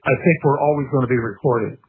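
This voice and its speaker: A husky man speaks in a halting, measured way, often repeating himself and pausing. He is the father on a prison phone call, and the line sounds thin and tinny. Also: medium pitch. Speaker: father of the inmate.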